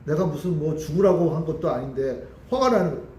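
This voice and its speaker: A pastor delivers his Sunday sermon in a church sanctuary, addressing the congregation and putting questions to them. His voice is on the high side, expressive, fast, and dark in tone, and the church hall echoes with faint ambience.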